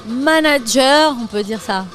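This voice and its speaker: A young French woman talking casually about her career in an interview, chatty and quick to laugh. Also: sits high. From France. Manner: lively, laughs often, chatty with fillers. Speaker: interview guest, singer and DJ.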